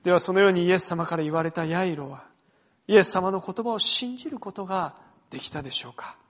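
A male pastor preaching a sermon to his congregation, earnest, swinging between forceful emphasis and hushed phrases and inviting them to read along. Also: high-pitched, fast. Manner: addresses the congregation directly, invites reading along.

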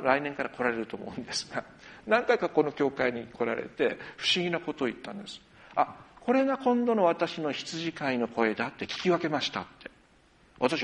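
A male pastor delivers a sermon in a fairly high voice. His delivery is highly animated, with pitch that leaps up and falls away as he tells stories. His volume swings from loud to soft from one phrase to the next. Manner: animated storytelling with sudden rises and drops in pitch and volume.

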